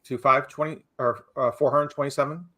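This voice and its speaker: A man's voice: medium pitch, fairly even intonation, fairly quick, bright, forceful tone. A man co-hosting a real estate podcast in casual chat, repeating himself and leaning on "you know" as he talks things through. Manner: loose, repeats words, lots of "you know".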